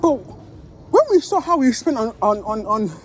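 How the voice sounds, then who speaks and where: A woman's voice: fairly high pitch, big pitch swings, a little slow, a little hiss or hum. A woman, a football fan giving a heated, swearing reaction rant that keeps circling back on itself. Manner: heated, swearing, repeats herself.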